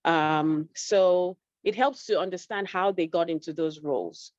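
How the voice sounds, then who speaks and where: Low-voiced woman host on a call. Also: darkish tone, no echo. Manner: measured, summarizing questions. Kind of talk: online panel talk. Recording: dry dull online call audio.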